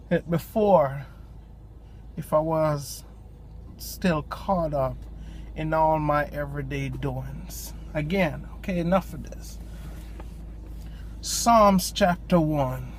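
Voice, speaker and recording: Speaking in a mid-range voice with a strong Jamaican accent, a lay preacher offers an informal devotional from a parked car, with slight background noise. It's halting speech, full of pauses and restarts, and the voice rises on scripture passages.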